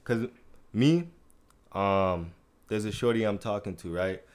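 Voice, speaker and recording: A man hosting a podcast, chatting casually in heavy slang and telling animated stories. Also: lowish voice, slow pace. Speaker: podcast host. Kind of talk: casual chat.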